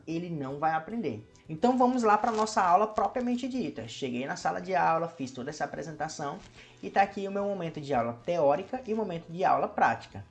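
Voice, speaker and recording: Brazilian male teacher, explanatory lesson delivery with rhetorical questions, faint music bed. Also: on the high side. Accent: Brazilian Portuguese. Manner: asks many rhetorical questions and addresses viewers as "meu povo".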